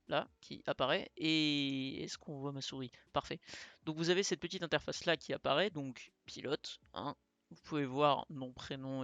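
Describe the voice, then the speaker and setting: A young man's slightly high voice, recorded dry and close. He walks through a screen-recorded tutorial in a chatty, easygoing way, full of fillers and little asides. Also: a bit bright, no echo, muffled recording. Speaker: flight sim streamer.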